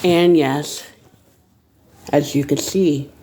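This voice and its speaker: Casting: amateur vlogger, mid-pitched voice, unhurried delivery, casual but nervous, halting and rambling. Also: fairly even intonation, mellow, breathy edge. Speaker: reseller making a first video. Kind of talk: casual vlog monologue.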